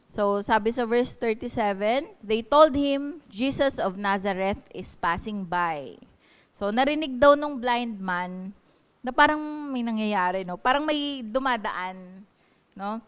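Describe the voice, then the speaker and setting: A woman's voice: fairly high pitch, a bit bright, clean tone. A woman with a Filipino accent, preaching a sermon and explaining each point with frequent checking questions. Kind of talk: Taglish sermon.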